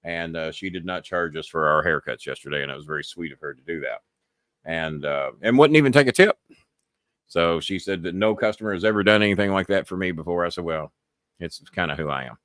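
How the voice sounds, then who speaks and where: A middle-aged American man with a lowish voice talks on his live show, loose and rambling, cursing bluntly as he drifts between topics. His voice is recorded up close in a dry, dead-sounding room. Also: brisk, a bit bright, dry recording. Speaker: podcast host. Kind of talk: casual live-stream monologue.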